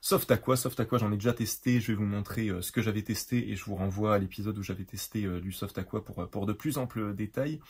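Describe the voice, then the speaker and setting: A man's voice: fairly low pitch, fast talker, hardly any pauses, breathy edge. A tired man chatting casually on his video channel, rambling with lots of fillers, restarts and little digressions. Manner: rambling, self-correcting, many fillers and digressions. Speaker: art supplies reviewer. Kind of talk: casual chat to camera.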